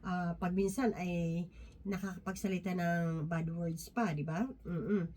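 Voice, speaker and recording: A woman sharing a Bible reflection in an informal devotional talk, often checking in with her listeners through tag questions and pausing with fillers and restarts. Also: lowish voice, steady tone, darkish tone. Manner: halting, many restarts and fillers.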